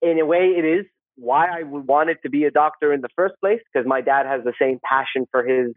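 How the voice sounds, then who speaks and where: A man from Saudi Arabia, telling personal stories casually in an interview in a rambling, halting way that repeats words and phrases. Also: a little high, no room sound, narrow, tinny audio. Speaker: podcast guest, social worker.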